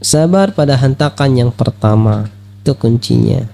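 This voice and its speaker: Gravelly-voiced male preacher. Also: mid-range voice, normal speed. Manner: lively, asks rhetorical questions and acts out quoted voices. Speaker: Islamic preacher. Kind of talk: religious study lecture.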